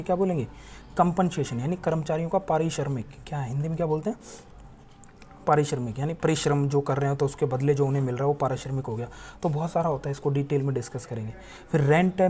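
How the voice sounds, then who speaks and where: A man's voice: a little high, warm tone, a little hiss or hum. A male teacher giving a classroom lecture, explaining patiently step by step, mixing English terms into his explanations and asking rhetorical questions that he answers himself. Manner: asks rhetorical questions and answers them, with frequent tag questions.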